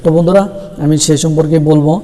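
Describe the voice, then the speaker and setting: A man teaching a Quran reading lesson, slowly naming and chanting Arabic letters one by one for his viewers. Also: on the high side, big-room sound. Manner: slow, even, drawn-out delivery, letters chanted one by one. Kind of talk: slow step-by-step lesson, reciting Arabic letters.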